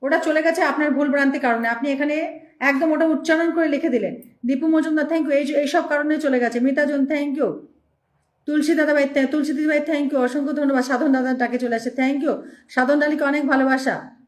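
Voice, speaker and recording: A woman's voice: high voice, steady tone, a little fast, echoey room. A woman hosting a live stream, reading out viewer names and thanking them one after another in speech.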